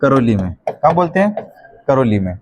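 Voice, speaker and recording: A man's voice: medium pitch, very animated, normal speed, a little hiss or hum. A teacher dictating notes in a classroom lecture, often quizzing his students with a question and then answering it himself.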